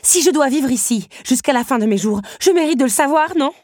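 A woman's voice: animated, normal speed, warm tone, husky, no room sound, clean studio sound. A woman voicing Belle, a stubborn, fiery young woman, in an audiobook reading. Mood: insistent. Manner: pleading and indignant, raised pitch.

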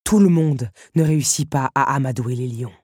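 A woman's voice: moderate pace, dark tone, slightly rough, no echo, studio quality, heavily acted. A woman voicing the Beast, a proud, bitter male creature, in an audiobook reading. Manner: bitter, low and curt.

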